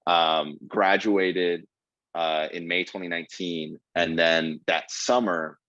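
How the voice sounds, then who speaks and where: Speaking slowly with fairly even intonation, this Ohio comedian in his twenties tells his story earnestly as a podcast guest, leaning on many fillers in a casual interview. His very low voice has a slightly bright edge. The recording is dry and a bit dull, as if from a close podcast mic with its top end cut.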